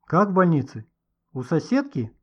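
A man's voice: fairly high pitch, sing-song, normal speed, a little mellow, slightly rough, dull audio. A man doing a polite teenage boy. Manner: polite, earnest.

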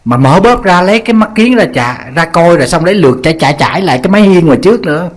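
A man with a Southern Vietnamese accent and a slightly high voice preaches to his congregation. He tells stories in a lively, teasing way, full of humor. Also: very fast. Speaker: Buddhist monk. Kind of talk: humorous sermon storytelling.

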